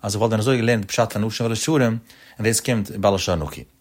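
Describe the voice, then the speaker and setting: A man giving a Talmud study lecture in a sing-song study cadence, often rising in pitch at the ends of his phrases. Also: fast. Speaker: Talmud teacher.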